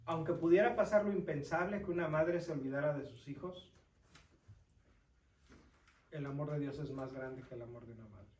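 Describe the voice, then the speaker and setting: A man's voice: a little high, moderate pace, pauses often, a little mellow, a little hiss or hum. A man, a deacon, reads scripture aloud to a group, explains it and asks his listeners questions. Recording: roomy sound from a distant mic.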